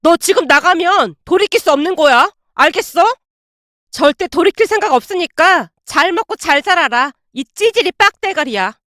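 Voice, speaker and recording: A coolly condescending young husband in a dramatized story, put on by a woman narrator. He talks down with smug patience and turns to loud insults. The voice sits high and swings widely, with a close, dry sound. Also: brisk, no echo. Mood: yelling. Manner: calm and patronizing, then shouting insults.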